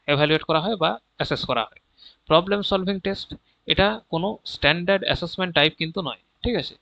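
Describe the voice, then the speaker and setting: Bright-voiced Bengali man explaining exam answers. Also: fairly high pitch, dry recording. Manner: reads each question, then explains answers with frequent "ঠিক আছে?" check-ins; mixes English terms into Bengali. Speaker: exam prep teacher. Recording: dull, dry lo-fi audio.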